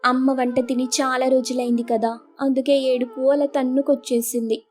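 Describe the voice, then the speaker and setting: A woman doing a gentle, humble younger sister. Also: sits high, little pitch movement, normal speed, soft background music, natural voice. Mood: tender. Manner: gentle, soft-spoken and earnest.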